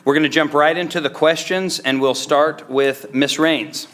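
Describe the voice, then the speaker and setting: A man's voice: on the high side, steady tone, moderate pace, fairly bright tone. A man informally chairing a public meeting in a conversational, accommodating way. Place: indoor council chamber, dais microphone.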